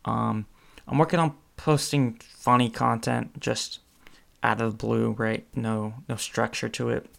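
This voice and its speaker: A man's voice: medium pitch, little pitch movement, unhurried, gravelly, fairly bright tone. A young man hosting his own podcast, talking casually in a rambling way with lots of ums and restarts. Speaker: podcast host. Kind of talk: casual solo podcast monologue.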